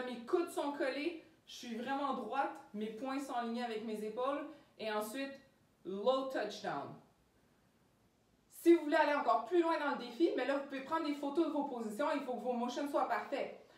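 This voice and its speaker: A woman with a Québécois French accent, coaching cheerleading and explaining each move step by step in a clear, upbeat way. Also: sits high. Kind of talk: instructional demonstration. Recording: echoey room, mic far off.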